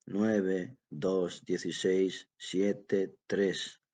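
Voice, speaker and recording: A man voicing a tired grown son who speaks calmly and evenly, in a husky voice. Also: fairly low pitch. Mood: patient. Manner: calm, measured reading. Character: weary, patient grown son.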